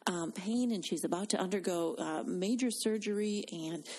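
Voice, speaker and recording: Husky woman co-hosting faith talk. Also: medium pitch, normal speed, darkish tone. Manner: earnest, frequent fillers and restarts. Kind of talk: faith-based conversational talk.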